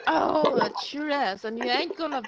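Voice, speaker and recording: A woman's voice: high voice, normal speed, a loud crowd, low-quality recording. A woman chatting with a friend while gaming, teasing playfully, laughing often and swearing freely. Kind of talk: casual chat while gaming.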